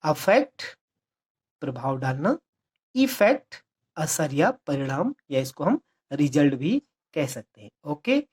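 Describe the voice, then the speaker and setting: Slow, husky-voiced Indian woman teaching. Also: low-pitched, sing-song, darkish tone. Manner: slow, drawn-out English definitions, quicker Hindi explanations; repeats key words and asks rhetorical questions. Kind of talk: exam-prep lesson.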